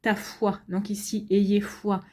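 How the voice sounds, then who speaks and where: A woman giving a casual tarot reading to her viewers. She sounds tired, speaks gently and reassuringly, and often hesitates and restarts her sentences. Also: medium pitch, flat delivery, slow. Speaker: tarot reader.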